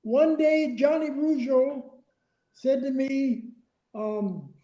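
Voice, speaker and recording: A man's voice: very high voice, slow, warm tone, muffled recording. An older man, a former wrestler, telling stories as an interview guest over a remote group voice call, repeating phrases for emphasis. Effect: heard over a remote group voice call. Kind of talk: casual anecdotal storytelling. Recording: echoey call audio.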